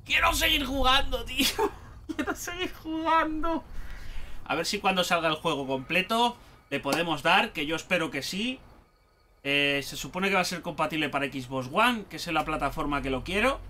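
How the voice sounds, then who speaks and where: A man with a Spain Spanish accent giving let's play commentary, excitable and swearing and shouting at the game. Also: fairly high pitch, moderate pace, a little hiss or hum. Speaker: gaming YouTuber. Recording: game music and sound behind voice.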